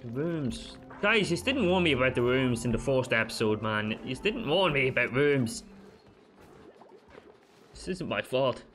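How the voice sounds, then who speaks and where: A man giving let's play commentary as a gaming channel host, frantic and swearing, talking to himself and his viewers, his pitch jumping up sharply whenever he panics. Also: lively intonation, unhurried, fairly bright tone.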